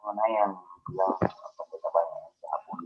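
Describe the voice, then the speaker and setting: A deep, husky man calls in over a poor headset, and his voice comes through muffled and half robotic. The line sounds dull and lo-fi. He explains his point earnestly. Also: steady tone, normal speed. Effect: muffled, half robotic call audio. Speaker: caller. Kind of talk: call-in discussion. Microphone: poor headset on a video call.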